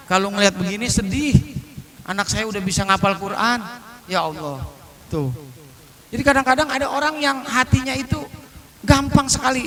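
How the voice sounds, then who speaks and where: Man, preacher, high voice, bright tone, storytelling sermon, questions to audience. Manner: storytelling, questions to the audience, mixes Arabic quotes. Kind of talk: humorous Islamic sermon. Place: mosque.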